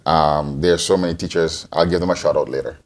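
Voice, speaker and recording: A man's voice: extremely low pitch, fairly even intonation, fast talker. A man in his forties, from Guyana and raised in Antigua, answering interview questions as a podcast co-host, rambling with many restarts. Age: 40s.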